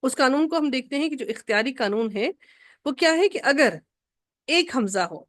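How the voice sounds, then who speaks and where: A woman teaching an Arabic grammar lesson, patiently repeating each rule slowly for her students. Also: sits high, animated, fairly bright tone, dry recording, clean studio sound.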